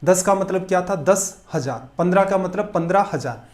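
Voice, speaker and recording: A man's voice: sits high, normal speed, darkish tone. A man teaching a competitive-exam math lesson, asking questions and answering them himself, with emphatic repetition.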